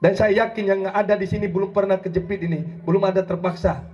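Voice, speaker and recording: A man preaching an impassioned sermon, rousing and often shouting as he addresses his listeners directly. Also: sits high, fairly even intonation, fast talker. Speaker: preacher and legal consultant. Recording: dull lo-fi recording.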